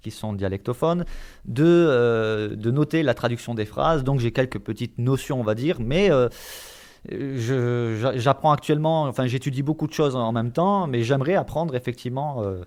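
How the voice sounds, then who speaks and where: This interview guest, a Marseille man who volunteers visiting elderly people, has a medium-pitched, somewhat dark voice at normal speed. His answers come haltingly as he gropes for the right words.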